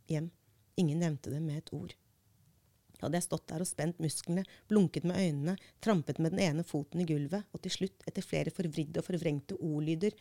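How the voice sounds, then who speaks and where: A woman reading a book passage aloud and talking it through in a measured, thoughtful way as a podcast host. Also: low voice, dark tone.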